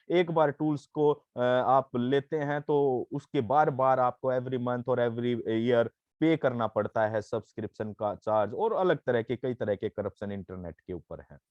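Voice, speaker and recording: A man giving a persuasive sales pitch, mixing Hindi with English phrases and calling listeners his friends. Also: unhurried, a little mellow, no room sound, lo-fi sound. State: coughing, throat irritated. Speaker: network marketing presenter.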